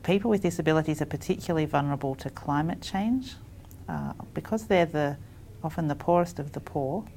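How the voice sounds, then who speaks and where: Woman, very low pitch, earnest explainer. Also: brisk, mellow, a little hiss or hum. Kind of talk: advocacy statement.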